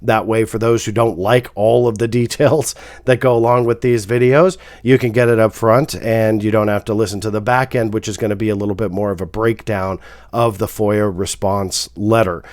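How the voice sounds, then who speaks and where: Guy with a head cold, nasal and stuffy, lowish voice, dry close mic, chatty with lots of uhs. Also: fairly even intonation, normal speed, darkish tone, no echo. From California. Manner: frank, apologetic, frequent fillers. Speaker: host. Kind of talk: casual video commentary.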